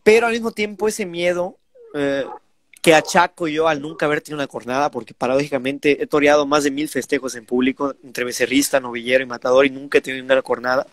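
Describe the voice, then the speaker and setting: A man's voice: mid-range voice, fast talker. A man of twenty-two with a Mexican Spanish accent, telling stories animatedly in a casual interview. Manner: animated storytelling, imitates parents. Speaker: bullfighter guest.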